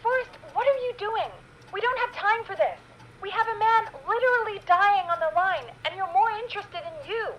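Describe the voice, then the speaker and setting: A woman playing an exasperated radio producer in a video game, brisk, scolding and urgent. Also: very high-pitched, fairly bright tone, rough recording. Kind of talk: dramatic video game acting.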